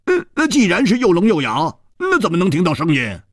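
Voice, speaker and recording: A man voicing a brash, impatient male swordsman who stammers in high, excited bursts. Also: a little fast, no room sound, studio quality, full character voice.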